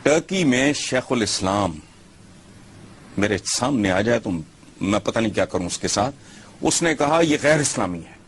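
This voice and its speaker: A man's voice: lowish voice, animated, unhurried, long pauses, slight background noise. A man giving scornful opinion commentary, lecturing with rhetorical questions.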